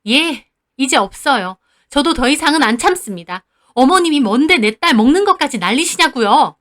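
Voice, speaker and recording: A woman's voice: sits high, expressive, normal speed, fairly bright tone. A woman voicing a middle-aged mother who confronts her in-laws sharply and without letting up. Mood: angry.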